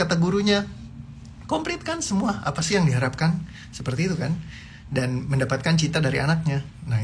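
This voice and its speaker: A man giving a motivational talk to parents in a chatty, animated way, laughing often and dropping in English words. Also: medium pitch, slight background noise. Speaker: parenting speaker.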